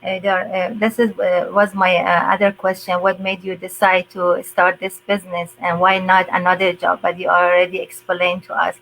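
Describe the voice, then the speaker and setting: An older woman hosting a live online interview, talking slowly with many hesitant fillers. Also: on the low side, monotone, gravelly, a bit bright, a little hiss or hum, poor audio. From USA resident. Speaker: host.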